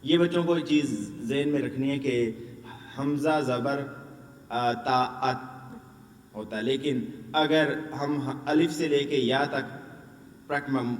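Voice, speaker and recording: A man training Quran teachers, drilling letter sounds and asking and answering his own questions. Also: medium pitch. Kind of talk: instructional lesson. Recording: echoey room, distant mic, faint noise.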